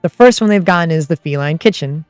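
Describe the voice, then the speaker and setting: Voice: medium pitch, quick pace, smooth, no echo, faint music behind. A streamer and game master of unclear sex chatting casually and explaining tabletop game rules in a rambling way.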